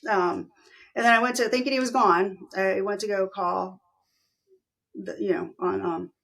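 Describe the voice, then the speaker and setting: A middle-aged woman speaks candidly as an interview guest, her voice carrying a gravelly fry. She retells events vividly, lifting her pitch sharply to act out what others said. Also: measured pace. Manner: animated retelling, acting out quoted voices with pitch jumps. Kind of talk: candid personal storytelling.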